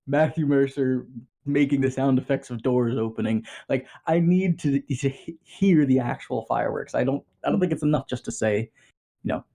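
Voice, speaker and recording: A man's voice: mid-range voice, normal speed, creaky, mellow. A man hosting a casual podcast chat, reading out odd headlines and laughing often. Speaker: podcast host.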